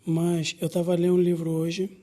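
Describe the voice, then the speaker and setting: Man, measured podcast psychologist, high but mellow voice. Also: monotone. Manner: measured, with soft affirming murmurs. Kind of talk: casual conversation.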